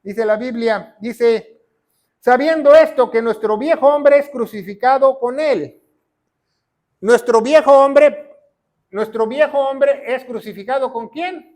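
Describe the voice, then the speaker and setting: A male pastor preaching a sermon, mixing loud emphatic declarations with quiet low lines and frequent tag questions. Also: slow.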